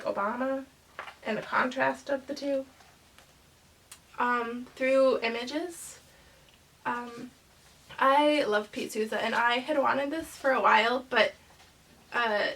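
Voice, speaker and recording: A woman's voice: high voice, vocal fry, a bit bright, recorded from a distance, low-quality recording. A young woman with a congested voice from a cold, chatting casually in a rambling way about her book haul as a channel host. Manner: chatty, rambling, many ums and likes.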